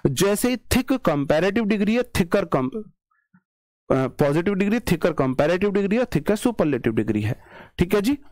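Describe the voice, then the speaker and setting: A man teaching an online English grammar class, repeating rules and stretching out words slowly to show their sound, with chatty, teasing asides to his students. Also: sits high, a little mellow, no echo. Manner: explains by repeating, drawn-out word demonstrations.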